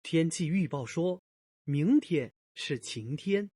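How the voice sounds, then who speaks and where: A woman reading questions in a scripted language-course dialogue, slow and deliberate. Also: deep voice, lively intonation, mellow, husky, no echo, clean studio sound, exaggerated voice. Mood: plain. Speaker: speaker in a textbook audio dialogue.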